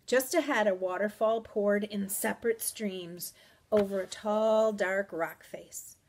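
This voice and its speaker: A woman teacher reads a chapter book aloud to her students. Her delivery is slow and unhurried, measured and expressive, in the manner of a storybook read-aloud. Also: mid-range voice.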